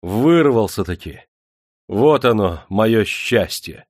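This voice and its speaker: A man's voice: fairly low pitch, animated, slow. A man voicing a tough, tender-hearted young factory worker who speaks plainly. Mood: relieved, tender.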